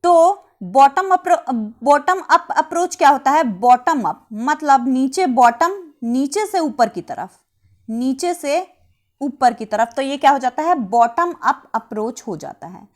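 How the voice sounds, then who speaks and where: Woman teacher, high voice, rhetorical question-and-answer delivery. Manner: asks rhetorical questions then answers them; repeats key terms slowly. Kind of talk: exam-prep lecture.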